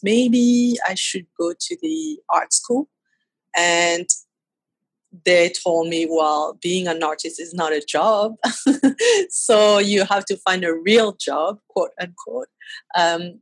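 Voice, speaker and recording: A woman's voice: medium pitch, no room sound, rough recording. A woman in her thirties from France with a French accent, a photographer talking casually in an interview, laughing easily and using hesitant fillers. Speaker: guest photographer.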